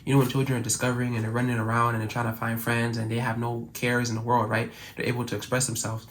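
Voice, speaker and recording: Fast-talking young man, flat delivery. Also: mid-range voice. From Cameroon. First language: French. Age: young adult. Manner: earnest, casual with fillers like "man" and "like". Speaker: YouTuber. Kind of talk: reflective talk to camera.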